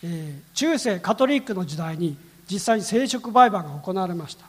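High, husky-voiced male preacher in a hall. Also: moderate pace. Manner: frequent "ne" tag questions, lively storytelling. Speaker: pastor. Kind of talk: sermon.

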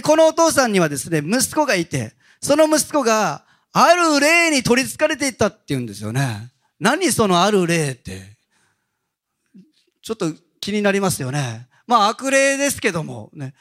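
A male pastor giving a Sunday sermon, telling stories in a casual, animated way. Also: very high-pitched. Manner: animated storytelling with casual asides.

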